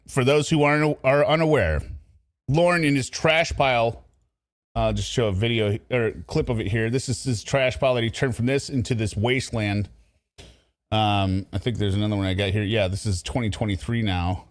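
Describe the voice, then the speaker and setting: A man's voice: medium pitch, no echo. A man hosting a casual commentary show, talking with sarcastic, scornful asides. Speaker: commentary channel host.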